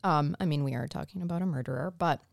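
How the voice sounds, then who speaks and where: A woman's voice: sits low, fast, creaky, no echo, studio quality. A woman co-hosting a true crime podcast in casual chat, informal, wry and self-deprecating, with a sleepy early-morning voice. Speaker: podcast co-host.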